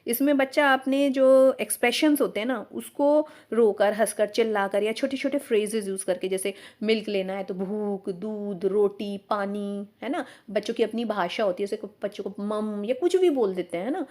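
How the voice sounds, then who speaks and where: A woman's voice: mid-range voice, moderate pace, hardly any pauses, a little mellow. A woman teacher giving an exam-prep lecture, explaining step by step and often asking and answering her own questions.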